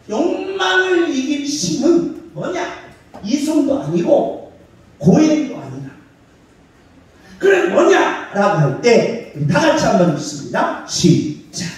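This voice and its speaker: A male pastor preaches a sermon in a church sanctuary, posing questions to the congregation and then answering them himself. His voice is very high, with a slight hiss or hum underneath. The recording sounds distant from the mic, in an echoey hall.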